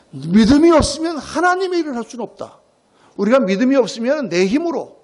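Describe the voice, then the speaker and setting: A middle-aged man preaching a Sunday sermon as pastor, swinging between loud exclamations and hushed near-whispers. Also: sits high.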